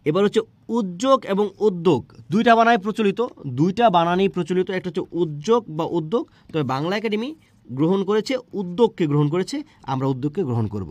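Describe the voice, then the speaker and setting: A man's voice: high-pitched, lively intonation, fast, a little mellow, dry recording. A man teaching a spelling lesson for exam preparation, asking his students questions and answering them himself.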